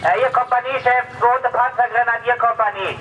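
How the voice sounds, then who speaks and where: A man's voice: very high voice, steady tone, moderate pace, roomy sound, distant mic, dull audio, a little hiss or hum. A man as company commander giving a terse military radio report over a walkie talkie, with clipped phrasing and hesitant fillers.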